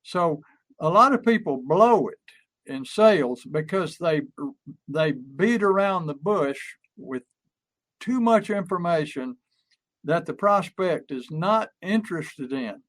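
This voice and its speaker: Older male co-host, slightly high voice, talks like an emphatic storyteller who repeats key phrases. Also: animated, takes it slowly, a bit bright. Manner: anecdotal storyteller with frequent restarts and fillers. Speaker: podcast co-host and marketing coach. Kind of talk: casual podcast talk.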